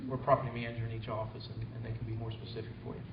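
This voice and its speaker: A man speaking in a relaxed, joking way at a company meeting. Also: mid-range voice, rapid-fire, dull audio. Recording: distant, noisy, roomy hall recording.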